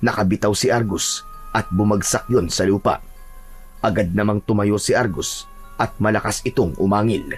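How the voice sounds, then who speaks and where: A man narrating a scripted horror story in a steady storytelling manner. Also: on the low side, moderate pace, husky, faint music behind.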